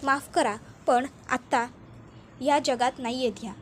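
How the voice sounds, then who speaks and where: A woman voicing a stern male doctor who speaks firmly and explains gravely. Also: sits high, unhurried, a little hiss or hum. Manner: firm, explanatory.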